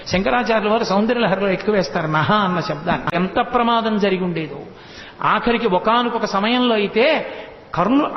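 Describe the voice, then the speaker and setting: A man giving a devotional storytelling discourse, explaining lively and acting out the characters. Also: high voice. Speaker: religious discourse speaker. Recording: echoey hall, dull sound.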